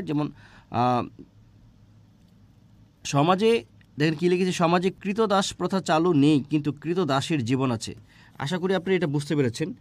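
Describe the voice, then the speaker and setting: Man teaching a grammar lesson. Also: fairly high pitch. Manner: asks a question, then answers it himself; explains slowly, with frequent "ah" fillers and restarts. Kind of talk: exam-prep grammar lesson.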